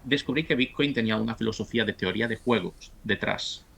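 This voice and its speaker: Gravelly and fairly bright with a breathy edge, this man's lowish voice moves at a quick pace. He's an Italian-born professor in his 40s whose first language is Italian, chatting at length as a guest in a relaxed interview, with frequent stumbles and restarts.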